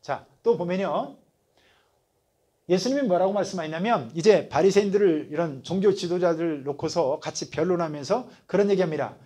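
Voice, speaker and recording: A man's voice: high voice, normal speed, dark tone, breathy edge. A male pastor teaching a Bible study class, talking conversationally and often putting questions to his listeners.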